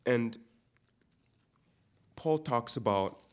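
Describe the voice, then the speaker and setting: A man's voice: mid-range voice, extremely slow, clean tone. A man from Uganda preaching a sermon, repeating words and restarting phrases as he builds emphasis.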